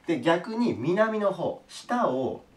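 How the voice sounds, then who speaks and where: Hoarse Japanese man teaching geography. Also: high voice, big pitch swings. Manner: polite, explains slowly with checks like "ne". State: hoarse from a sore throat. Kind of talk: video lesson on geography.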